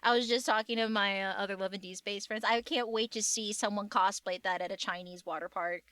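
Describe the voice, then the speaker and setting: A woman chatting casually on a livestream in a cute, gushing anime-streamer way, with slangy, expressive exclamations. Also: mid-range voice, brisk, no echo. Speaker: VTuber artist and livestreamer.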